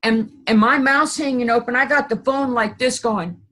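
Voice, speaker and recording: A woman recounts a story in casual conversation, animated and repeating phrases to drive her point home. Her voice sits a little high for a woman. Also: normal speed. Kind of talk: casual chat, telling a story.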